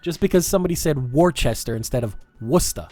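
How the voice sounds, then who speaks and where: A man's voice: a little high, fast, faint music behind. Rambling man with a Massachusetts accent. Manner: rambling, animated, self-interrupting. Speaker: podcast co-host. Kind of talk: casual podcast chat.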